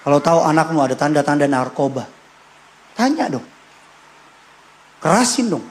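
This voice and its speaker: A male pastor, preaching an animated sermon that swings between loud bursts and quiet asides. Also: normal speed. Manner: animated, shifts pitch and loudness, acts out quotes with shouts. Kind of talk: lively sermon. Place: church.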